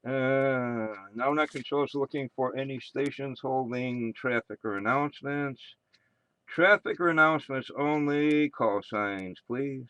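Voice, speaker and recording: A man's voice: mid-range voice, unhurried, pushed and bright, clear, resonant tone, dull audio. A man with an American accent acting as amateur radio net controller, making casual announcements with rambling, muttered asides.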